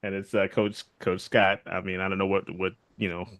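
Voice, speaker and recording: A man co-hosting a casual podcast recap of a TV series, animated and often acting out characters' lines. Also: sits low, normal speed, dry recording. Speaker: podcast co-host.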